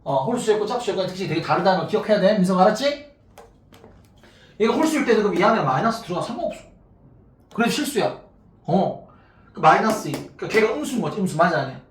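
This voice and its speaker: A man's voice: high voice, very animated, fast, pauses often. A man teaching a math class to students, talking casually and constantly checking that they follow. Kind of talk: classroom lecture. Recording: echoey room, mic far off, faint noise.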